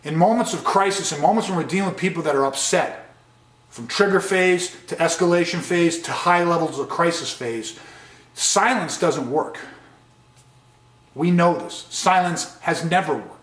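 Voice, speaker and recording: A man's voice: on the high side, moderate pace, a bit bright, echoey room. A man teaching a de-escalation training session, speaking earnestly and stressing key points. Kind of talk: training lecture.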